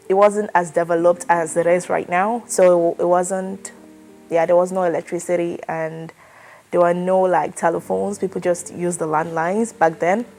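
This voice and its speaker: In an oral history interview, a Nigerian-raised woman in her twenties talks at a moderate pace, relaxed and chatty, peppering her answers with "like" and "you know." Her voice is a little low, with faint music in the background.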